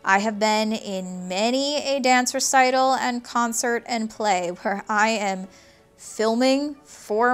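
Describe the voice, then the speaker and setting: Here a twenty-something YouTube creator with a higher, somewhat nasal voice chats to camera, explaining her gear step by step and moving her hands as she talks. The setting is a small indoor home studio lined with shelves and not soundproofed. Her audio comes from a small lapel mic clipped to her hoodie.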